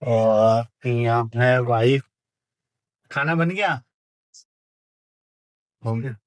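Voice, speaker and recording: A man's voice: mid-range voice, drawn-out words, no room sound. A man narrating a casual family vlog as he walks through his home and rooftop, talking straight to the viewers. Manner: chatty tour-guide narration, repeats "ये देखिए" and "मतलब". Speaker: family vlogger.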